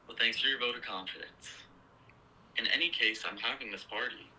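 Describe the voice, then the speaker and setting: A man's voice: mid-range voice, brisk, pushed and bright, slight background noise, rough recording. An actor playing an earnest, exasperated son in his twenties, emphatic with a sarcastic edge, in naturalistic drama dialogue. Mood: earnest, insistent. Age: 20s.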